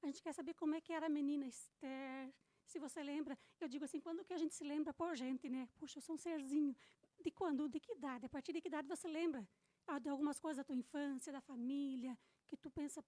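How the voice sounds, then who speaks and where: A woman podcast host with a notably high voice leans into long, coaxing questions that wander before landing. Her sound is dry and close, with no room around it, right on a studio mic. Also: steady tone, quick pace, no echo. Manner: warmly coaxing, rambling questions. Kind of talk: interview questions.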